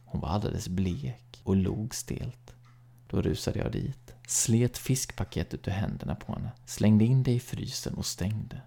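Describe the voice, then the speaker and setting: Gravelly, dark-voiced male horror reader. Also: fairly low pitch. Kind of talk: scripted horror short-story reading.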